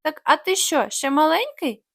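Білий клоун у виконанні жінки, чемний і благальний. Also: female voice, sits high, very animated, moderate pace, dry recording, studio quality, pitched above the performer's own voice. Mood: pleading. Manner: pleading, fussy.

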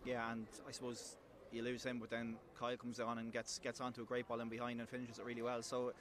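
Male sports interviewer, brisk, chatty, lays out the point before asking. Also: medium pitch, monotone, crowd noise. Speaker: club TV interviewer. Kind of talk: post-match interview questions.

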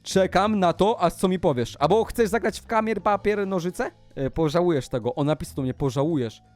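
A man narrating a Minecraft video as a gaming YouTuber, excitable and shouty, swinging between hushed asides and loud exclamations. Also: high-pitched, a little fast, faint music behind.

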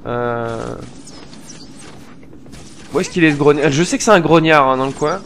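A man hosting a gameplay video, chatty and excitable, peppering his casual commentary with slang, swearing and fillers. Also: fairly high pitch, unhurried, slight background noise. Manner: many fillers while explaining.

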